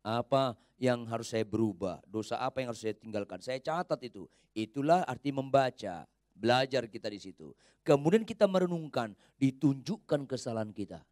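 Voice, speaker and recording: A male pastor preaches from the pulpit with a very animated voice that climbs into loud, high exhortations and then sinks to quiet, confiding asides. He keeps tossing quick questions to the congregation. The sound is close and dry, with little room echo. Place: church pulpit before a congregation.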